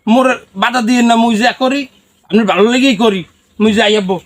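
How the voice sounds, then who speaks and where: A man's voice: extremely high pitch, a little fast, a little hiss or hum. A man playing a gullible, eager young village son in a comedy drama, with a Barisal Bangladeshi Bengali accent. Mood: pleading.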